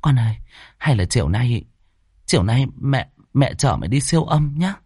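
A man's voice: medium pitch, big pitch swings, normal speed, darkish tone, slightly rough, dry recording, studio quality. A man voicing an anxious middle-aged village mother in a horror story. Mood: worried. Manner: anxious, pleading.

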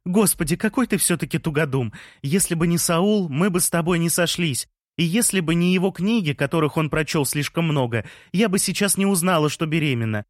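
A man voicing Lea, an emotional, quick-tempered young woman who shouts and scolds, in an audiobook reading. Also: lowish voice, no echo, clean studio sound, voice pushed up, close to an everyday voice. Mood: scolding.

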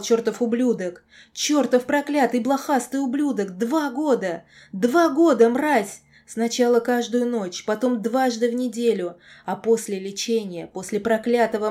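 A woman voicing a furious young woman in an audiobook, screaming insults in a hoarse, raw voice. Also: mid-range voice, warm tone, lightly acted. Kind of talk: audiobook character voice.

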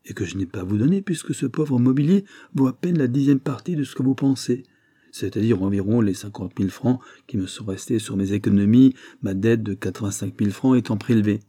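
A man's voice: fairly low pitch, a little fast, dark tone, slightly rough, dry recording, clean studio sound. A man reading a desperate accused secretary. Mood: indignant. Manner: agitated, indignant protests. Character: banker's secretary, desperate man protesting innocence.

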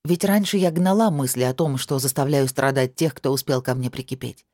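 A woman reading a first-person fantasy novel aloud in an even, measured storytelling manner. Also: extremely low pitch, no room sound, studio quality. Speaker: audiobook narrator.

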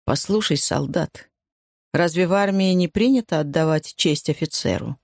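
A narrator voicing a composed male pilot officer who speaks coldly and calmly, in a dry recording. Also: mid-range voice, moderate pace, no room sound, close to an everyday voice. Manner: cold, unruffled.

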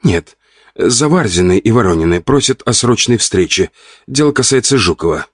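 A man reading an audiobook, voicing an indignant, sharp-tongued countess of about forty. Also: on the low side, animated, normal speed, slightly rough, no echo, studio quality, pitched above the performer's own voice. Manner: huffy, pleading, indignant.

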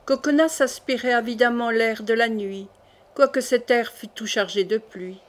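A woman narrating a classic novel as an audiobook, in an even, measured storytelling voice. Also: fairly high pitch.

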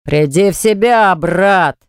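An audiobook narrator voicing a smug, scornful man who gloats and yells when pinned down, in a smooth voice. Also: mid-range voice, slow, no echo, clean studio sound, lightly acted. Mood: sneering.

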